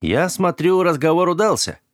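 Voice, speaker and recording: A man voicing a friendly-sounding but menacing young man who switches between easy cheer and cold, clipped calm in an audiobook. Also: medium pitch, normal speed, no room sound, studio quality, close to an everyday voice. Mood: breezy. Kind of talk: audiobook character voice.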